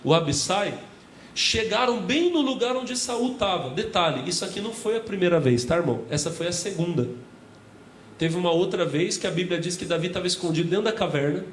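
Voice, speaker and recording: A man with a Brazilian Portuguese accent, a pastor preaching a lively sermon, telling stories and acting out the voices of the people in them. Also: high voice, fairly quick, a little hiss or hum. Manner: animated storytelling, acting out voices, addressing congregation as brothers. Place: church hall. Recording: echoey church hall with faint ambience.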